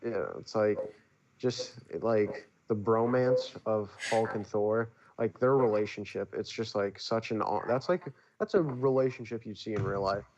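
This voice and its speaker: A man's voice: lowish voice, measured pace, darkish tone, dull audio. A young man, a podcast guest, gushing in casual chat, rambling with lots of filler words. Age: young adult.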